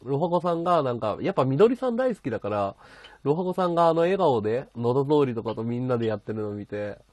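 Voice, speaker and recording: Chatty man with a lively, husky voice. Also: medium pitch, fast, no echo. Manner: chatty, thanks viewers and reads their comments. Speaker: livestream host. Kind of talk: casual livestream chat. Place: bedroom at home.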